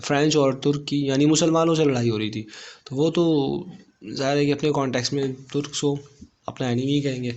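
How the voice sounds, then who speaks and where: A man's voice: mid-range voice, darkish tone, muffled recording. A man teaching a lesson, explaining a play step by step and mixing in English phrases.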